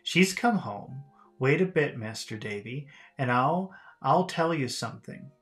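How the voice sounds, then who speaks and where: A man's voice: mid-range voice, expressive, unhurried, fairly bright tone, faint music behind. A man reading an audiobook, voicing a kindly, flustered female servant in a raised, breathless, emphatic voice. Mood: anxious, coaxing.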